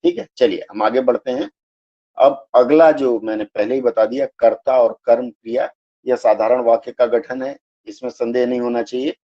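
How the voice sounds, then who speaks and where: A man's voice: mid-range voice, fairly even intonation, moderate pace, highs cut off. A man teaching a live online grammar class, explaining step by step and checking that students understand.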